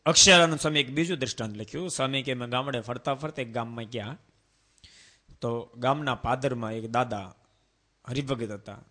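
A man delivers a sermon as a monk, weaving folk stories in between. He speaks in a bright, forceful voice, animated and full of exclamations. He keeps turning to his listeners with rhetorical questions. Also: mid-range voice, fairly quick. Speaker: monk preacher.

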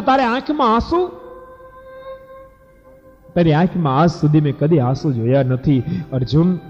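Man acting out a worried elder king, pleading questions, high voice, faint music behind. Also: darkish tone. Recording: echoey hall, dull lo-fi, faint music.

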